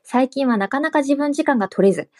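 A woman's voice: sits high, animated, brisk. Polite woman reading listener comments. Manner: polite, reads comments aloud. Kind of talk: casual podcast chat.

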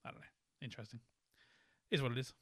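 A man's voice: medium pitch, fairly even intonation, quick pace, creaky, no echo. Aussie podcast guy, kinda hesitant, dry close mic. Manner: hesitant, thinks aloud with restarts. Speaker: podcast co-host. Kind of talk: casual chat.

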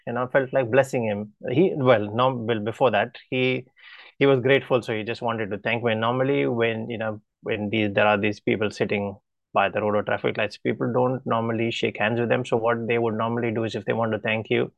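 Male preacher, mid-low gravelly voice; earnest, halting testimony; dull lo-fi sound. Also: little pitch movement, no echo. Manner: earnest, halting storytelling with restarts. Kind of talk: personal testimony in a sermon.

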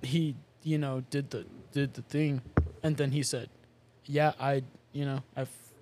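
A man's voice: mid-range voice, flat delivery, a little slow, a little mellow, slight background noise. A young man co-hosting a podcast, telling a story in casual, swear-filled chat and laughing often. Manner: laughing, swears freely, tells stories. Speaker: podcast co-host.

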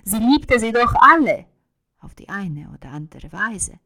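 A woman narrating an audiobook in an expressive reading style. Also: fairly high pitch, measured pace.

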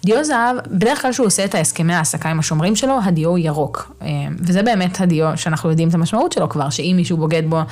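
A woman with a somewhat low voice hosts a podcast from a home microphone. She recaps a novel casually, chatty and animated, pausing often to find her words. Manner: chatty, animated retelling with many hesitations. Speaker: podcast host.

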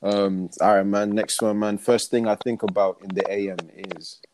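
A man's voice: fairly low pitch, steady tone, moderate pace, background noise. A man hosting a podcast in casual, chatty slang. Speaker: podcast host. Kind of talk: casual chat.

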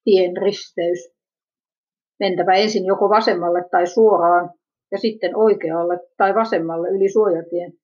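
Woman, husky mid-range voice, reads a searching first-person narrative; muffled low-fidelity sound. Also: fairly even intonation, a little mellow. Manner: introspective, self-questioning. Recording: dull lo-fi recording.

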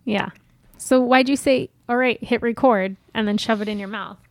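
A woman's voice: fairly high pitch, steady tone, normal speed, no room sound. A woman co-hosting a podcast in casual chat with her husband, teasing him and laughing often. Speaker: podcast co-host.

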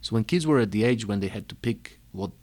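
Young Bulgarian-accented man, emphatic personal talk, lowish voice. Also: quick pace. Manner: energetic, emphatic, lists words one by one. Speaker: speaker telling his life story.

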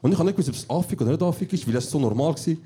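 A man's voice: a little high, animated, rapid-fire, dark tone, husky. A young man with a Swiss German accent, co-hosting a casual podcast recorded live, telling stories in a laid-back, dry way. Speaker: podcast co-host. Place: small venue, live recording.

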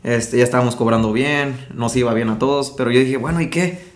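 A young Mexican man with a mid-range voice, recounting his music career in a relaxed, slang-heavy interview. He talks in an animated way and often acts out other people's lines. He speaks at an everyday pitch. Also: a little fast. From Mexico, Michoacán. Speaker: guest musician. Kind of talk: casual storytelling interview.

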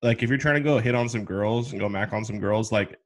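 A man's voice: on the low side, fairly quick. Slangy young man hosting a podcast. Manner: chatty storyteller, slangy, many restarts. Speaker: podcast host. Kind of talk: casual podcast chat.

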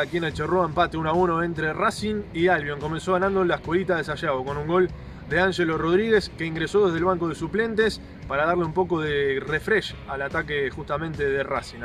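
A Uruguayan man gives football analysis in a fairly high voice. He recaps the play for a broadcast, with music clearly heard behind him. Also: a bit bright.

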